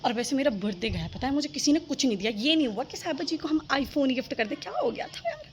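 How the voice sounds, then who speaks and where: A woman's voice: high voice, expressive, fast. A young woman vlogging into her phone camera on a rooftop, chatty and rambling, often giggling. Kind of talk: casual chat to camera. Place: rooftop outdoors.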